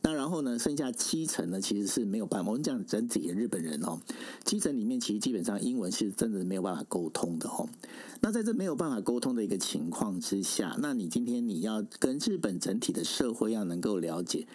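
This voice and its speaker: Male host, Taiwanese Mandarin accent, very lively intonation, wordy and explanatory, conversational interview style. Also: on the low side, fast talker. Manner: wordy, explanatory, often checks for agreement.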